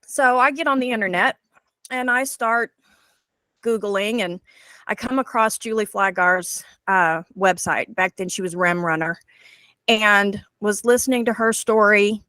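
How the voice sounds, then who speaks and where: A woman's voice: mid-range voice, measured pace, pushed and bright, clear, resonant tone, no echo. Earnest woman telling her story. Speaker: guest presenter. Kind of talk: personal story presentation.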